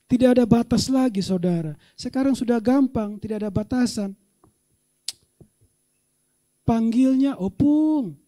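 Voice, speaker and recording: A male pastor preaching a sermon with animated delivery, rising to loud shouts and laughing often, dropping low for quiet asides. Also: a little slow, pauses often.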